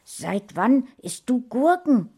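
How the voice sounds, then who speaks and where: A woman's voice: high voice, expressive, a little slow, darkish tone, voice pushed up. A woman voicing an indignant, teasing teenage sister in a read-aloud story. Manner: indignant, mocking.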